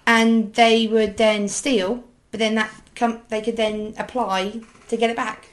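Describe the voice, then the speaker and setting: A woman's voice: fairly high pitch, little pitch movement, unhurried, slight background noise. Hesitant woman podcast co-host with ums. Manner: hesitant, many ums and uhs, restarts words. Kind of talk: casual history podcast chat.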